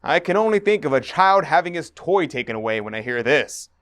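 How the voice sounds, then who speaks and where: A man's voice: fairly high pitch, big pitch swings, a little fast, a bit bright. A man hosting and narrating in an earnest, preachy scripted manner. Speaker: host.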